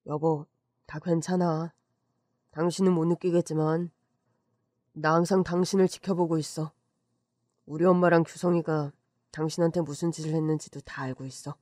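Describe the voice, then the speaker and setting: A man voicing a gentle late husband. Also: a little high, level tone, moderate pace, long pauses, dry recording, studio quality, lightly acted. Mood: tender. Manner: tender, soothing. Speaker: voice actor in a narrated story.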